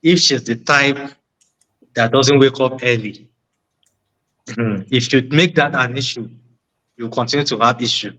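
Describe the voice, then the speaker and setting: A man's voice: mid-range voice, steady tone, measured pace, long pauses, a bit bright, rough recording. West African man giving relationship advice. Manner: emphatic repetition, rhetorical questions. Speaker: panel discussion participant.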